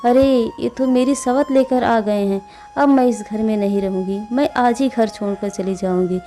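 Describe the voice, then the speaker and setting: A woman voicing a jealous, quick-tempered young wife who complains and accuses. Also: fairly high pitch, dark tone, soft background music, natural voice. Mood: upset.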